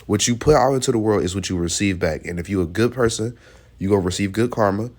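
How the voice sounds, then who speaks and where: A man with a somewhat low voice talks through a reaction video in a loose, casual way. He is blunt and profane, and he laughs often as he comments. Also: fast, darkish tone.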